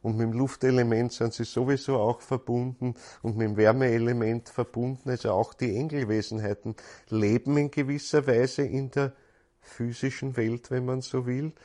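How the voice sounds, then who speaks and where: A man's voice: mid-range voice, fairly even intonation, normal speed, warm tone. A man gives a spiritual lecture in a thoughtful, searching way, often repeating words as he goes.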